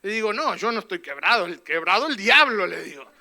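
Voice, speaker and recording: A man's voice: sits high, very animated, fairly quick, vocal fry, bright, forceful tone. A man preaching a fervent church sermon as pastor, often tossing in questioning tags to his listeners.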